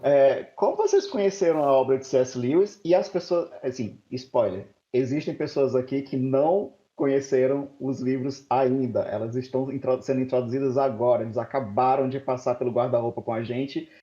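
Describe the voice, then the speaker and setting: A man's voice: mid-range voice, moderate pace, few pauses, warm tone. A man in his thirties from Maranhão, Brazil, hosting a casual group podcast in a playful, talkative way. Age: 30s. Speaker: podcast host. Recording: dull lo-fi recording.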